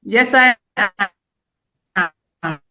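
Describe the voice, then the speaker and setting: A woman's voice: mid-range voice, drawn-out words, sharp tone. A woman speaking over a choppy video call connection, checking whether she can be heard in an online meeting. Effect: choppy video call audio. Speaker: panel attendee.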